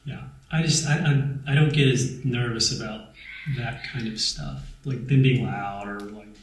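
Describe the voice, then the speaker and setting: A man co-hosting a family travel vlog, chatting casually and hesitantly, often filling pauses and restarting his sentences. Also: mid-range voice, heavy background noise. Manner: hesitant, many fillers and restarts. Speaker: vlog co-host. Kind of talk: casual chat. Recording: echoey room, distant mic.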